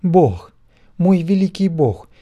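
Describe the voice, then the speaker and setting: A man's voice: sits high, big pitch swings, takes it slowly, dark tone, highs cut off, voice pushed up, full character voice. A man voicing a desperate, pleading old woman priestess in an audiobook, crying out in fervent pleas. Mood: urgent.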